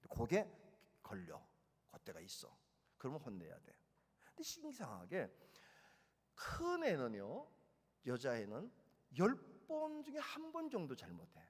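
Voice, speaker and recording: A male preacher giving a lively sermon, telling family stories and acting out the voices of his children and himself. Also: a little slow, pauses often, breathy edge. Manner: animated storytelling, voicing children and parent with big swings in pitch and loudness. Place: large hall at a retreat. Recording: long hall reverb.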